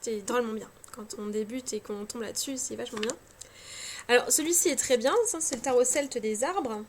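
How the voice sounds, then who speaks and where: A high-voiced woman talks casually at home, full of hesitant fillers and restarts and gently mocking herself. She sounds a little tired. Faint scratching noise sits behind her voice on the camera mic. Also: brisk. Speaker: cartomancy vlogger. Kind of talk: casual chat showing card decks.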